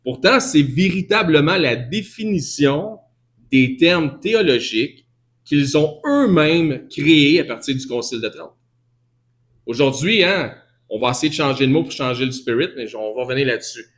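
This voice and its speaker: A man with a Québécois accent gives a teaching sermon in a fairly high voice. He talks conversationally, restarting and correcting his phrases as he goes, and stops to answer questions from the congregation. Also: lively intonation, normal speed, fairly bright tone. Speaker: preacher.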